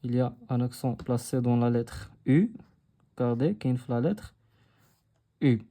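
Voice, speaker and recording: A man's voice: mid-range voice, lively intonation, unhurried, dark tone. A young Moroccan man teaching a lesson in a patient way, repeating his phrases and switching between French and Arabic. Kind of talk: explaining a textbook lesson.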